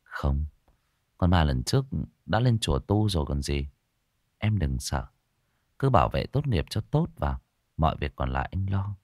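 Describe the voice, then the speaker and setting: A man voicing a calm, protective older brother who speaks softly and reassuringly. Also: extremely low pitch, brisk, no room sound, clean studio sound.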